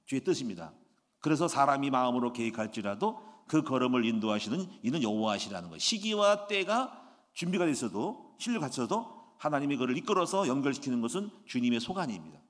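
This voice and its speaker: A man in his sixties, a pastor delivering a Friday sermon in an animated preaching manner, often asking the congregation rhetorical questions. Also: medium pitch, quick pace. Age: 60s. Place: church sanctuary. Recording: echoey church hall reverb.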